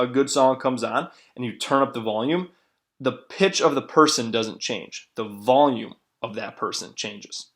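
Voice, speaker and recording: A man's voice: medium pitch, a bit bright. A man teaching a classroom lecture in an explanatory way, often repeating words and checking in with a questioning "right?". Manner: repeats words while searching for them.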